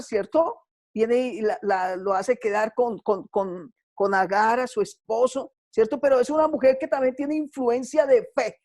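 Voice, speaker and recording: Middle-aged female preacher, slightly high voice, delivers a sermon with frequent checks like "¿sí?" to the audience. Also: a little mellow. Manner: preaching, often asking the audience ¿sí? and ¿cierto?.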